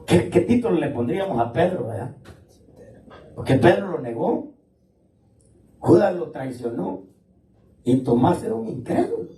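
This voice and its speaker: A man's voice: fairly high pitch, very animated, measured pace, long pauses, dark tone, reverberant, far from the mic, a little hiss or hum, poor audio. A man preaching a sermon to his congregation in a casual, talkative way, calling listeners "brother". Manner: colloquial preaching, addresses listeners as "hermano". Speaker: pastor. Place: church.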